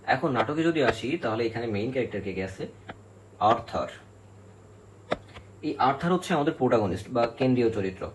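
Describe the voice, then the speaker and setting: A man's voice: mid-range voice, lively intonation, brisk, long pauses, noisy background. A male literature teacher giving an exam-prep lecture, explaining step by step, counting syllables aloud and often checking in with his students.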